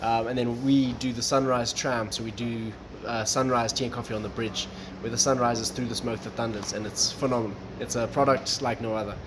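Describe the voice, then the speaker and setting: A man's voice: mid-range voice, a little fast, hardly any pauses. Guy from malawi chatting about his business, laid back, lots of ums, noisy cafe. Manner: relaxed, with many "um" and "look". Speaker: guest, tourism business owner. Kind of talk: casual interview talk. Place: coffee shop. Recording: noisy coffee shop background.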